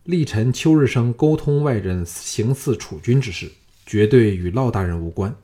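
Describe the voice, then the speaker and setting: Storybook young general, calm, persuasive, mellow voice , man reads him. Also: mid-range voice, normal speed, lightly acted. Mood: easy. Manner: composed, persuasive.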